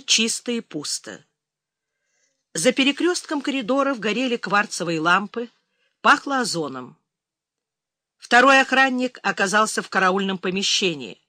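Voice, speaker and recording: A woman reading a crime thriller audiobook, giving the characters livelier, louder voices in dialogue. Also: no room sound, clean studio sound. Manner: reads all characters, raising pitch and force for quarrelsome lines. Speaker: audiobook narrator. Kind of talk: audiobook narration.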